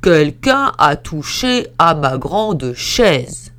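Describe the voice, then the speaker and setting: A woman voicing a big bear in a read-aloud storybook, with a gruff, heavy delivery. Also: sits low, sing-song, very slow, a bit bright, full character voice. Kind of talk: storybook reading.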